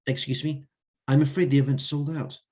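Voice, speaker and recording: A man voicing a young, vacant female festival volunteer with a thick put-on Eastern European accent and a flat, dismissive manner. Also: medium pitch, fairly quick, pitched above the performer's own voice, close to an everyday voice. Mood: curt.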